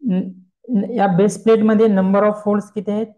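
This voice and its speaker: A man giving a screen-recorded software tutorial, explaining step by step and asking himself questions he then answers. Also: high voice, level tone, moderate pace, poor audio. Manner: explains step by step, mixing English terms, repeats questions and answers them.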